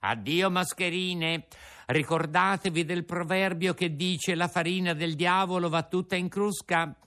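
A man's voice: sits high, steady tone, measured pace, bright, forceful tone, pitched above the performer's own voice. A man doing an earnest young wooden puppet.

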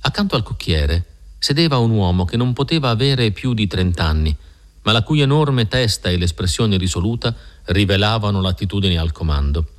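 A man narrating a classic novel in a measured, steady storytelling manner. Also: lowish voice. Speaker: audiobook narrator. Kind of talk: scripted literary narration.

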